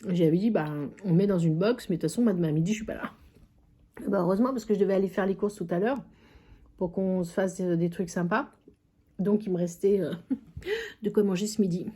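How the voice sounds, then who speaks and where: A woman's voice: mid-range voice, brisk, warm tone, husky. A woman psychic medium vlogging casually, telling a story with many fillers and repetitions. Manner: chatty, many fillers and repeated phrases. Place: at a friend's country house.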